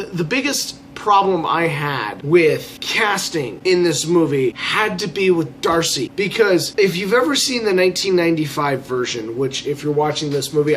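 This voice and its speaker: A man's voice: fairly high pitch, fairly bright tone, a little hiss or hum. A tipsy man giving an opinionated movie review in an emphatic rant, repeating phrases for stress. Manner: tipsy, drink-loosened delivery. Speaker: film reviewer.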